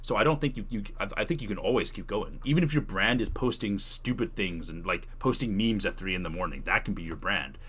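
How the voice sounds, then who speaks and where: A man's voice: on the low side, a little fast, hardly any pauses, fairly bright tone, slightly rough. A man talking casually on a livestream, answering questions as he thinks aloud and rephrases. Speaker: streamer giving tutorial and answering chat questions.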